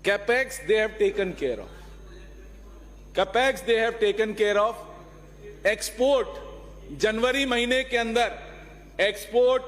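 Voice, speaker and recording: High-voiced man giving an assembly speech. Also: a bit bright. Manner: argumentative, rhetorical questions, mixes in English phrases. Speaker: legislator. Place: legislative assembly hall. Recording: long reverb of a large hall.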